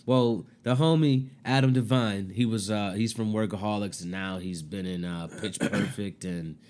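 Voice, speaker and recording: A man's voice: lowish voice, normal speed, a little mellow. A young man co-hosting a casual podcast chat, loose and profane, often breaking into laughter between phrases. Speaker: podcast co-host.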